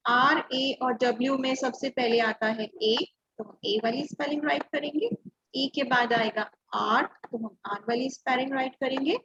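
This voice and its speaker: A woman's voice: sits high, normal speed, fairly bright tone, husky, muffled recording. A woman teacher giving an online class, patiently spelling out words letter by letter. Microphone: computer or phone mic on a video call.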